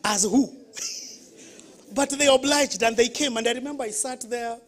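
A woman's voice: fairly high pitch, unhurried. Kenyan woman pastor preaching, storytelling, asks the church questions. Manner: lively storytelling, questions to the congregation. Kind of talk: sermon.

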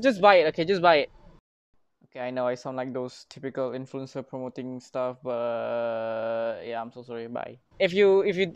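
A man's voice: on the high side, no room sound, dull audio. A young man from Malaysia with a Malaysian English accent, chatting casually and rambling through a grocery haul from inside a parked car, filming on a handheld phone. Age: young adult. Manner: rambling, self-mocking, lots of fillers and restarts. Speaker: vlogger. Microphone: phone camera held close.

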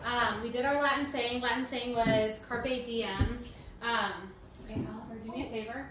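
A homeschooling mother in her thirties, her voice a little high and steady, teaches a Latin lesson at a moderate pace from her kitchen table. She patiently quizzes her children and says okay often. The mic sits at a distance in a roomy space, with crowd noise and faint background noise.

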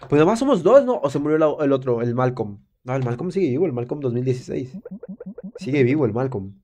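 A young man, stuffy with a cold, excitedly commenting on a live game and chatting with viewers. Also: medium pitch, fast talker, slight background noise. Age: young adult. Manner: rambling, excitable, talks to viewers while playing. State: congested with a cold. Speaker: streamer. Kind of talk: live gameplay commentary reading chat.

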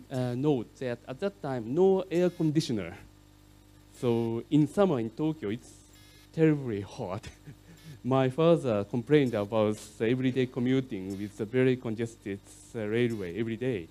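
Middle-aged Japanese-native man, keynote lecturer, mellow voice, halting English full of "uh"s. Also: medium pitch. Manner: halting non-native English with many fillers. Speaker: keynote speaker on urban rail.

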